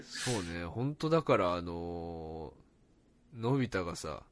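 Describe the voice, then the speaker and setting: A man's voice: low voice, slow. A man co-hosting a podcast, talking loosely with lots of fillers and frequent laughter. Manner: lively, laughs often, loose filler-heavy talk. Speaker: podcast co-host. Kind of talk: casual chat.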